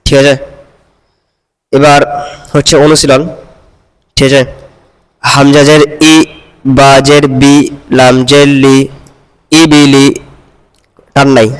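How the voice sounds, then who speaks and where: A man teaching Quran reading to a student, patiently correcting and repeating syllables slowly. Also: medium pitch, completely flat delivery, smooth, long reverb tail, low-quality recording. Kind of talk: one-on-one reading lesson.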